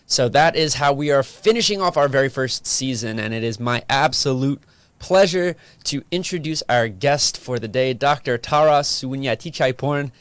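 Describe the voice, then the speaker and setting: This relationship podcast host has a clean, mid-range voice captured in a dry recording. His casual interview chat is warm and friendly, and he peppers his guest with fast-paced questions.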